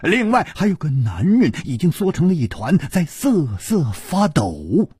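A male storyteller narrating a martial arts tale in a lively, dramatic way. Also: on the high side, measured pace, breathy edge, no room sound, clean studio sound.

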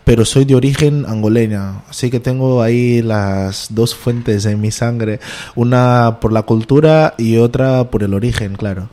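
A native Portuguese speaker from Portugal appears as a guest musician in a casual radio interview, talking with a Portuguese accent. His medium-pitched voice is warm and measured, though he often hesitates and repeats words while hunting for them.

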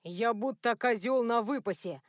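A woman's voice: a little high, moderate pace, no room sound, studio quality, lightly acted. A woman reading as a grumbling bearded gardener. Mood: bitter. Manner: grumbling, bitter. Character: grumbling bearded bound gardener, middle-aged man.

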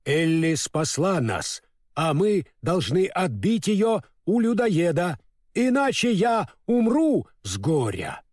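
A man voicing a tender-hearted tin woodman in a storybook, earnest and measured. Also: fairly high pitch, darkish tone, no echo, clean studio sound. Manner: earnest, slow.

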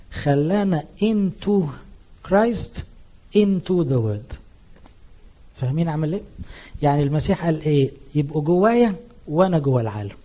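A man preaching a sermon in an Egyptian accent, his voice mellow and soft-edged. He is a priest speaking earnestly and with emphasis, lifting his voice whenever he quotes scripture. The grain of his tone has a husky, breathy texture. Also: fairly high pitch. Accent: Egyptian Arabic.

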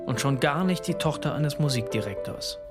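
Calm narrator over loud music. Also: mid-range voice, normal speed. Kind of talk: scripted narration.

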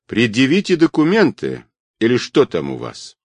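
A man voicing a hoarse, groaning middle-aged criminal who is hostile and in pain. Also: medium pitch, sing-song, moderate pace, dry recording, voice pushed up, heavily acted. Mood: indignant.

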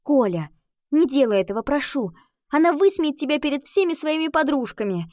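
A woman voicing a sharp-tongued teenage schoolgirl who wants to write a book, exasperated and sarcastic, in an audiobook. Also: high voice, animated, brisk, no echo, clean studio sound, voice pushed up. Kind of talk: audiobook reading.

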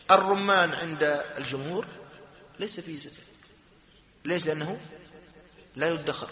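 A man's voice: on the high side, sharp tone. A man teaching a jurisprudence class, often asking his students questions and answering them himself. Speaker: sheikh teaching Islamic jurisprudence. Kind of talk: lecture to a class. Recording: echoey hall with long reverb.

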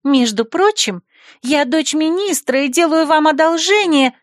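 A woman putting on a squeaky, whiny young secretary. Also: unhurried, no room sound, clean studio sound. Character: spoiled tearful young female secretary.

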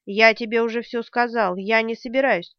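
Audiobook: woman reads a young man, pleading and tearful, higher-set, dry slightly dull recording. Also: steady tone, moderate pace, no echo, lightly acted. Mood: protesting. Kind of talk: audiobook character reading.

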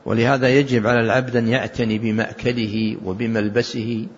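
An older man, an Islamic scholar, giving a slow and measured religious lesson, explaining a hadith with deliberate repetitions. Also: mid-range voice, flat delivery, slight background noise. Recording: dull lo-fi recording.

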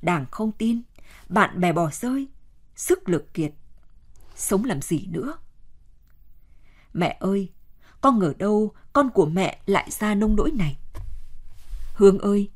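A woman voicing an exhausted, feverish young male soldier in an audiobook, murmuring low and quiet. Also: lively intonation, a little slow, pauses often. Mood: despairing.

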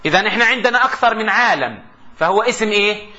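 A man giving a classroom lecture on grammar. He asks the class rhetorical questions and slowly recites his examples. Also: high voice, lively intonation, pushed and bright. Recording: dull lo-fi lecture recording.

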